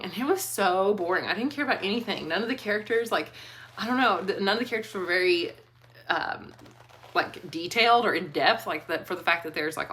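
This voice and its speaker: Woman, casual book vlogger, animated and giggly, clear bright tone. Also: lowish voice. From Kentucky. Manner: chatty, animated, laughs often, trailing restarts. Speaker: school librarian book reviewer. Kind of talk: casual book review vlog.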